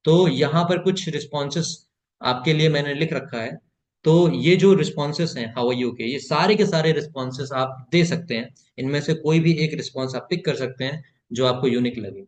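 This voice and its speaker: An Indian man on a video call teaching spoken English in an online class, explaining in Hindi and slowly repeating short English phrases for learners to copy. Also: fairly high pitch, echoey room. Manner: slow drawn-out repetition of phrases for learners.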